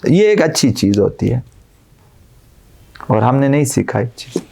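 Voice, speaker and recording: A male cleric delivering a religious lecture in a gravelly, mellow voice. He recites Arabic verses, then explains them with plain, repetitive examples. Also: mid-range voice, big pitch swings. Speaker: Islamic cleric.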